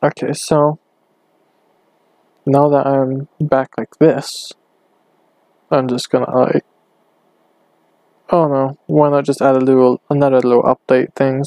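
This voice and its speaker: A young man rambling hesitantly on his own podcast, talking low in his bedroom with a hand cupped over the mic. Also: creaky, warm tone, no echo. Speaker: podcast host. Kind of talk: casual solo podcast. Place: bedroom at home.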